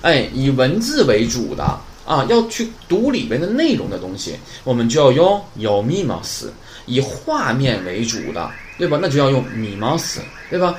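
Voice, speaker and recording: A man's voice: medium pitch, sing-song, moderate pace, slight background noise. A man who is a native Chinese speaker, teaching a Japanese grammar lesson in Chinese, often checking with his students. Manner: explains in Chinese, quoting Japanese words and sentences; keeps checking with "对吧" and "哎".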